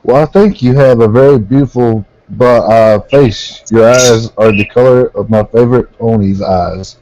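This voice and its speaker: A man voicing an awkward, shy young man on his first date, reading plainly and haltingly from an amateur fan story. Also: medium pitch, mellow, highs cut off, close to an everyday voice. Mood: awkward, earnest. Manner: plain, halting read-aloud.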